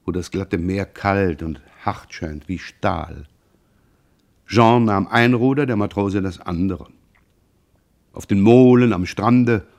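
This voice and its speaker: A man reading a novel aloud for radio in a measured, expressive narrating style. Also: lowish voice. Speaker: audiobook reader.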